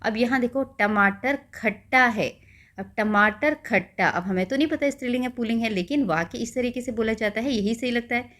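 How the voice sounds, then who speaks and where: A woman teacher explaining a school lesson patiently, checking in with the listener often and slowing down to spell out words. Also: fairly high pitch, a bit bright.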